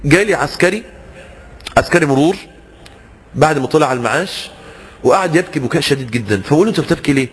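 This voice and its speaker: A young adult man with an Egyptian Arabic accent preaches a sermon in a husky, fairly high voice, animated and rapid-fire but broken by long pauses. He asks rhetorical questions and acts out the people he quotes, with a long reverb tail trailing his words.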